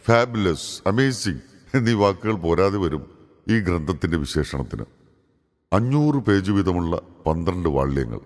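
A man narrating a staged local history in a lively, chatty storytelling manner. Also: sits low, in a large hall.

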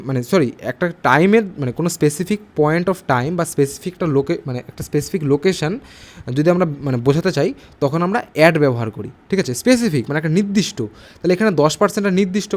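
A man teaching an exam-prep English grammar lesson, explaining step by step, reading English sentences slowly and often asking whether students understood. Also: a little high, darkish tone. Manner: explains step by step, asks frequent check questions.

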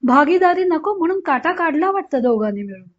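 A woman's voice: very high-pitched, big pitch swings, a little fast. A woman voicing a harsh, scolding older mother-in-law who taunts bitterly, in a dull lo-fi recording.

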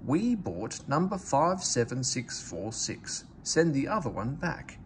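A stern railway boss from a children's storybook, put on by a male reader. He speaks formally and commandingly, in clipped orders, pitched up from plain narration. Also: big pitch swings, takes it slowly, a little hiss or hum. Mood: stern, impatient.

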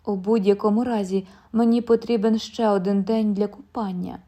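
A woman voicing a stubborn husband eager for one last swim, who later shouts in alarm. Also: mid-range voice, steady tone, moderate pace, lightly acted. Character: man on a beach, stubborn, restless to swim.

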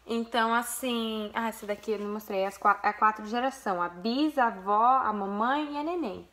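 In a slightly high, a bit bright voice, talking a little fast, a young mother vlogs casually with a Brazilian Portuguese accent. She gushes as she shows her audience a photo album, speaking to them directly.

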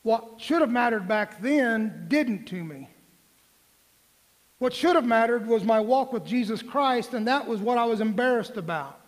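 A man in his forties with a notably high voice delivers a sermon, mixing folksy jokes with pointed, emphatic questions. His words trail into the long reverb of a church sanctuary. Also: lively intonation, unhurried. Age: 40s. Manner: folksy, joking asides, rising to emphatic questions. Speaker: pastor.

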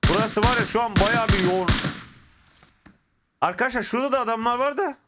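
A young man from Turkey reacts to his mobile game match in a high, excitable voice. He talks with a slight lisp from dental braces. Loud gunfire and game sounds run behind him. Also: a little fast, very noisy. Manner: excitable, exclaiming at the action. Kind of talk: casual gameplay commentary. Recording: gameplay audio and gunfire behind.

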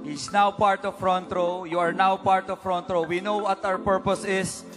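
A man's voice: high-pitched, fairly even intonation, measured pace, music in the background. A man hosting an event, rallying the crowd and repeatedly calling them "guys". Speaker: event host.

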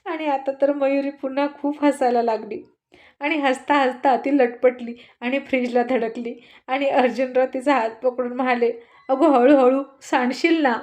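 A woman storyteller with a somewhat high voice, narrating a playful family tale. Her telling is lively and amused, a steady read of a serial story. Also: moderate pace.

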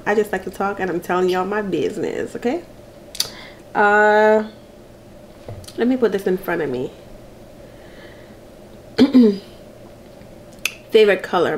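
While eating, a woman in her 30s from Jamaica fields get-to-know-me questions in a playful, laugh-filled chat typical of her mukbang vlogging. She speaks at a medium pitch, and a slight hiss or hum runs under the sound.

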